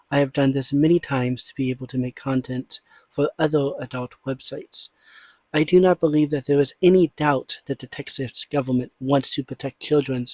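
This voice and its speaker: A man delivering scripted commentary in a measured, formal way, as an online content creator. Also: on the high side, a little mellow, no echo, poor audio. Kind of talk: scripted commentary, reading and responding to statements.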